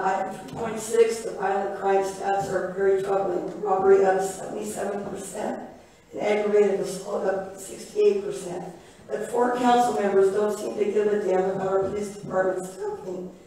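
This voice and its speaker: Hoarse woman speaking from far off in an echoey chamber. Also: mid-range voice, warm tone. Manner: blunt, sarcastic, indignant. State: hoarse, losing her voice. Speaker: public commenter at a city council meeting. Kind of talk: public comment at a council meeting. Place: city council chamber.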